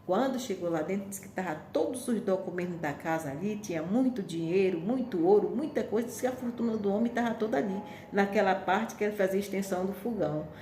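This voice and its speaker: A woman's voice: mid-range voice, fast, few pauses, warm tone, a little hiss or hum. A woman casually telling a folk tale in a rambling, conversational way. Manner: rambling, conversational with frequent restarts. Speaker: storyteller. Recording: roomy echo.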